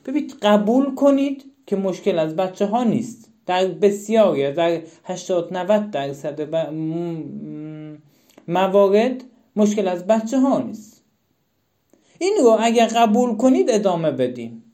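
A woman's voice: fairly low pitch, lively intonation, mellow. A woman giving a live-stream talk to parents, emphatic and repeating her key questions. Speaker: parenting educator.

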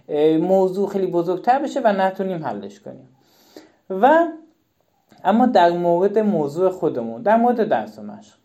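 A woman's voice: on the low side, dark tone. A woman giving a live-stream talk to parents, emphatic and repeating her key questions. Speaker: parenting educator.

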